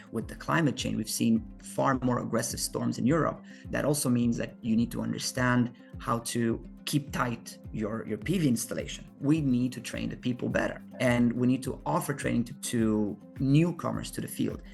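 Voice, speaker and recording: A man's voice: mid-range voice, vocal fry. A man from Romania, answering interview questions in an earnest, explanatory way with frequent restarts. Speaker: guest, solar company founder.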